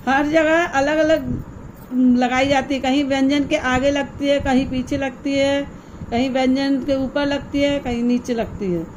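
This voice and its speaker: A woman's voice: sits high, darkish tone, a little hiss or hum, rough recording. A woman teacher giving a grammar lesson to young children, explaining patiently and asking the pupils questions.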